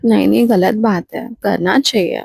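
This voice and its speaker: A young woman telling a family story in a casual, animated vlog and acting out her relatives' lines. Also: mid-range voice, moderate pace, gravelly, slightly rough, no room sound. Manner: animated, acts out family members' lines in quotes. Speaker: vlogger. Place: home rooftop terrace.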